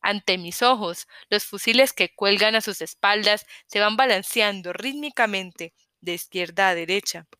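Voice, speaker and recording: A woman narrating a story in the first person in a measured, scripted audiobook reading. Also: medium pitch, pushed and bright, clean tone, no echo, clean studio sound.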